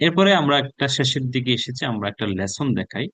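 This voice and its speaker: A Bangladeshi man with Bengali as his first language, teaching an English class online. He reads English lines slowly and explains them in Bengali. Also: mid-range voice, animated, fairly bright tone, dry recording, poor audio. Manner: lists words in quick drill.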